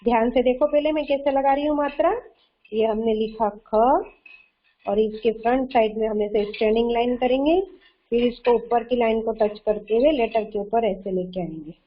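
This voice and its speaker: A woman teaching a kindergarten class online, slow and patient, often repeating herself and quizzing the children. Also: a little high, highs cut off. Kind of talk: online kindergarten Hindi lesson.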